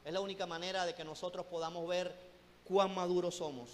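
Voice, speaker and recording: High-voiced fervent male preacher in reverberant hall. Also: level tone, a little fast, slight background noise. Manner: fervent, keeps calling listeners "brother", rhetorical questions. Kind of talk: sermon. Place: church hall. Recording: long hall reverb with music behind.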